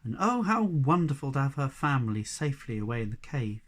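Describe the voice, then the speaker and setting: Expressive man reading a children's story. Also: mid-range voice, a little fast. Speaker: teacher reading to pupils. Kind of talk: storybook read-aloud.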